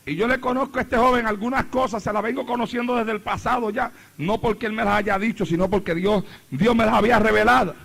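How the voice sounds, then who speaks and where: A man's voice: high-pitched, steady tone, fast talker, vocal fry, few pauses, a bit bright. A middle-aged man preaching a sermon as pastor, repeating phrases with rising fervor. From Puerto Rico.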